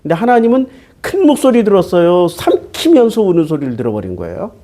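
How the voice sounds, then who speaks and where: In his Bible-teaching sermon, a pastor with a high, mellow voice whose pitch swoops wildly talks briskly and casually. He mixes polite and casual speech and keeps asking his listeners questions.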